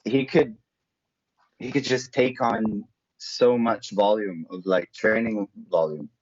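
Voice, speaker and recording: With a crowd audible behind him, a Slovak man speaks slowly in a fairly low, steady voice. A native Slovak speaker and ex-professional road cyclist now racing mountain bikes, he answers interview questions casually, groping for words. The recording sounds dull and lo-fi.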